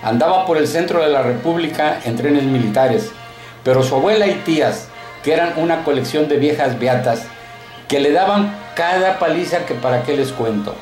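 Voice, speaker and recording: A man reading a short story aloud in a steady, colloquial narrating manner, recorded in an echoey room. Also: fairly high pitch, moderate pace, soft background music.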